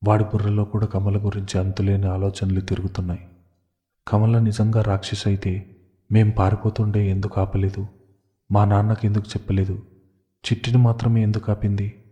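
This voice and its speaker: A man narrating a family drama story in a steady, measured first-person reading. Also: on the low side. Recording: dull lo-fi audio.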